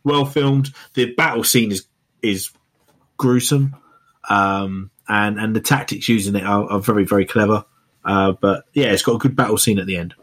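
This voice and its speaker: A man's voice: lowish voice, normal speed, a bit bright. A man, hosting a podcast and reviewing a film in rambling casual chat full of fillers. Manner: rambling, many fillers and restarts. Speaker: podcast co-host reviewing films.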